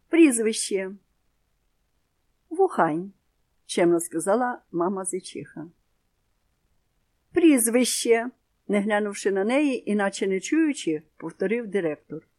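Expressive woman reading a children's tale. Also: medium pitch. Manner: expressive, lively storytelling. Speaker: storyteller.

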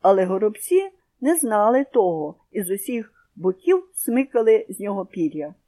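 A woman reads a children's story aloud in an expressive, storybook manner. Her voice moves animatedly up and down, sitting in a middling register for a woman. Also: mid-range voice, moderate pace. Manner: expressive storybook reading with comprehension questions.

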